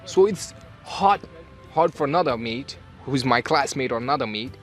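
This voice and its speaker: A man, a student chatting in a group interview, animated, sometimes acting out other people in a high voice. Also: moderate pace, soft background music. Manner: animated, acts out puzzled locals in a high voice.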